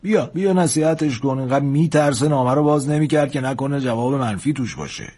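A man's voice: medium pitch, lively intonation, dark tone, breathy edge, pitched above the performer's own voice. A man playing a wistful fatherly old sailor. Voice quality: slow, drawn-out phrasing. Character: fatherly older male sailor, wistful and wise. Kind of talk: storybook character voice.

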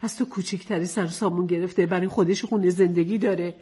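A woman's voice: lowish voice, fairly even intonation, mellow, slightly rough. An actress playing a bitter, overbearing middle-aged single mother who scolds her daughter in a radio drama. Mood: scolding.

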